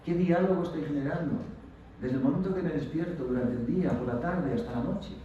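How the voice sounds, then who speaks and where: A man with a Spanish accent giving a motivational lecture to university students, speaking in an animated way and acting out the voices of people he quotes. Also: fairly high pitch, a little fast, a little hiss or hum. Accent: Spanish from Spain. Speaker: guest lecturer. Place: large lecture hall. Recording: distant, dull-sounding mic in a very echoey hall.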